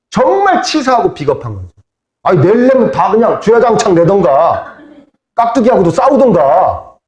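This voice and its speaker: Animated male pastor in an echoey sanctuary. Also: sits high, lo-fi sound. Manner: conversational preaching with acted asides and humor. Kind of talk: sermon. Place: church sanctuary. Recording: echoey church hall.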